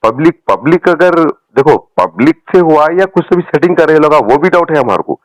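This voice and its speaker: Fairly high-pitched and expressive, the man's voice moves at a brisk clip with no room sound. He is a Hyderabadi-accented party supporter from Telangana, India, ranting about politics in a relaxed phone conversation that was recorded, and he hammers his points home colloquially with lots of repetition.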